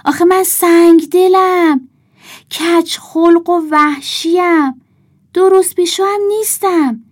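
Lady doing a cranky storybook wolf, squeaky high and loud. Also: steady tone. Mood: protesting. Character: grumpy fierce male wolf who sneezes.

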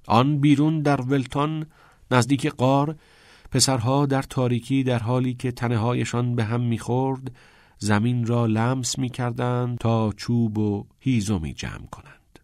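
A man narrating an audiobook with an expressive storytelling delivery. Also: medium pitch, dry recording, clean studio sound.

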